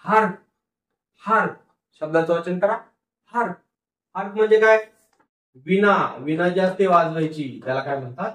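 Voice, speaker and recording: With a high, fairly bright voice, a male teacher walks through phonics, splitting words into syllables and repeating them. He questions the class but supplies the answers himself. The recording sounds roomy, the mic placed far away.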